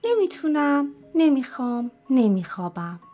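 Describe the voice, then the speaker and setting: A woman voicing a stubborn little girl in a storybook, who chants her loud, defiant refusals. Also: medium pitch, fairly even intonation, soft background music, lightly acted.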